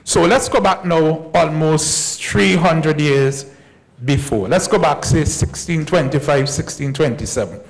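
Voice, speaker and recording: A man lectures as a historian at a conference. His voice sits a touch high, with a gravelly edge. He speaks in a measured way and repeats key points slowly. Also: poor audio. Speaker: historian giving a conference talk. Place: conference hall.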